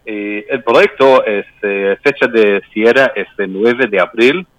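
A man who is not a native Spanish speaker, with a foreign accent, answering interview questions haltingly and searching for words. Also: lowish voice, fairly bright tone, no echo, low-quality recording. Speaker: embassy political adviser being interviewed.

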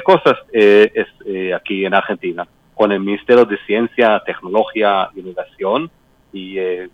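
A man who is not a native Spanish speaker, with a foreign accent, answering interview questions haltingly and searching for words. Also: on the low side, no room sound, lo-fi sound. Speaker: embassy political adviser being interviewed.

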